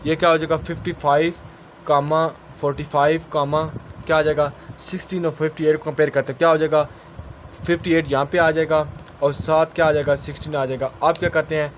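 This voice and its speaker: A man tutoring gives a quick exam-revision lecture, posing a question to himself and answering it at each step while mixing technical English terms into his speech. His voice is on the high side with a flat delivery, and there's slight background noise.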